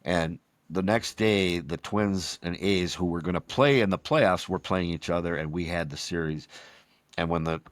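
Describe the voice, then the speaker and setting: A man's voice: sits low, normal speed, no echo. A man in his sixties, a retired baseball umpire, telling long rambling stories as a podcast guest and acting out what others said. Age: 60s. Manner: rambling anecdotal storyteller, acts out quotes. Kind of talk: storytelling in a casual podcast chat.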